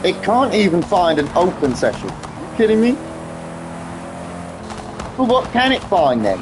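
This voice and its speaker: A man's voice: high voice, wildly swooping pitch, normal speed, noisy background. A man giving casual gameplay commentary as a streamer, irritated and swearing as he complains at the game.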